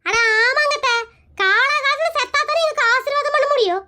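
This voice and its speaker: A woman's voice: very high voice, brisk, bright, forceful tone, full character voice. A woman voicing a cheeky young daughter-in-law in a cartoon skit, teasing and sarcastic.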